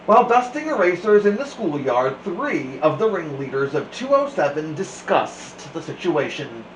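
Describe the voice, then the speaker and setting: A man hosting a children's storytime, reading aloud with deliberate, theatrical emphasis. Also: on the high side, big pitch swings. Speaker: storytime host and reader. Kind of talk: expressive read-aloud narration for children. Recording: echoey room with faint noise.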